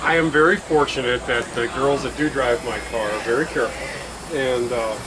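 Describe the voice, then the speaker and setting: A middle-aged man chatting casually, speaking haltingly and trailing off mid-sentence. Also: medium pitch. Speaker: guest eating hot wings in a challenge. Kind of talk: casual chat. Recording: noisy outdoor setting with hiss.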